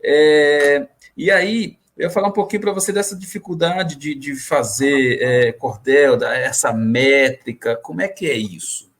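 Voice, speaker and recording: A man's voice: fairly high pitch, measured pace. A man hosting a community radio interview, asking long rambling questions. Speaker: radio host. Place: radio studio.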